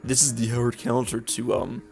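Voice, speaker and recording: A man's voice: medium pitch, fairly even intonation, normal speed, vocal fry, a little mellow. A man giving casual commentary while playing a game, rambling on with lots of filler words. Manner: rambling, filler-heavy, frequent "like". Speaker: let's play YouTuber. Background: faint game music.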